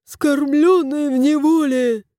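A woman's voice: sits high, lively intonation, slow pace, warm tone, no room sound, studio quality, pitched above the performer's own voice. Woman doing a proud, huffy male house cat. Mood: aggrieved. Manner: complaining, theatrical.

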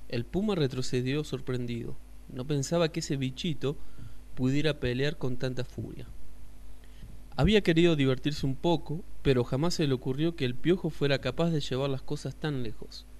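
A man narrating a children's story in a lively, expressive way. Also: medium pitch, normal speed.

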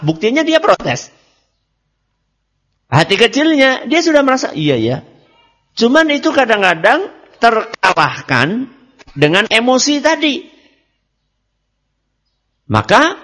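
A man's voice: high voice, a bit bright. A man giving a religious study lecture on parenting, asking and answering his own questions. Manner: asks and answers his own questions, mixes in Javanese words. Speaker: Islamic preacher.

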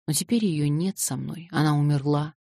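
A woman's voice: sits low, normal speed, gravelly, mellow, no echo, clean studio sound. A woman reading a grieving old man. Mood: sorrowful pleading. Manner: pleading, sorrowful.

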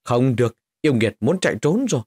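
Brief: a man doing a proud male warrior for an audiobook, loud, blunt, husky edge, close and dry. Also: medium pitch, lively intonation, fast talker, no room sound. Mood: commanding.

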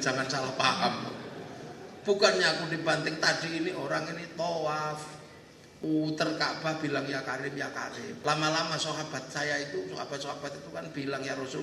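Man doing a lower, soft, confiding holy man, heard in a roomy hall. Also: gravelly, slight background noise, full character voice. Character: gentle, deeply moved holy man explaining. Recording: echoey hall, distant mic.

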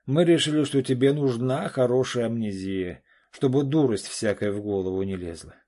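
A man's voice: medium pitch, moderate pace, mellow, lightly acted. A man doing a teasing, mocking friend. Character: adult friend, mocking, easygoing. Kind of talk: audiobook reading.

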